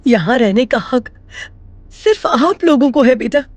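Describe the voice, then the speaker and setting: A woman's voice: high-pitched, lively intonation, measured pace, darkish tone, no echo. An actress playing a lonely, emotional older grandmother who pleads with her family to stay. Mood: pleading. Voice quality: tearful, pleading.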